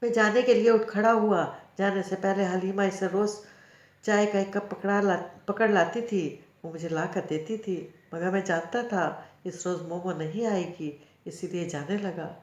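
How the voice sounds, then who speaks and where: A woman narrating a novel in an even storytelling manner. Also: medium pitch, measured pace. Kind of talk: audiobook reading of a novel. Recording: roomy, dull lo-fi recording.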